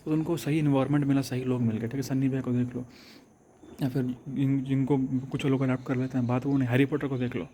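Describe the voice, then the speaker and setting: A young man telling a reflective personal story, halting and restarting often, switching between Hindi and English. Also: mid-range voice, flat delivery, dark tone, a little hiss or hum.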